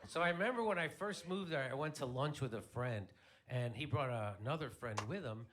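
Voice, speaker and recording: A man's voice: medium pitch, expressive, fairly quick, a bit bright. A middle-aged man from Chicago's South Side doing stand-up on a club stage, telling stories in a wry, conversational way and slipping into voices for the people he quotes. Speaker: stand-up comedian. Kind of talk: stand-up comedy routine. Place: comedy club stage before a live audience.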